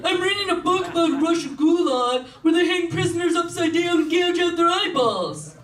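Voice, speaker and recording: A woman's voice: very high voice, expressive, moderate pace, fairly bright tone, voice pushed up. A woman voicing a preachy know-it-all male friend who lectures emphatically, heard through a distant stage mic. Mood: lecturing. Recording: distant roomy stage mic, audience noise.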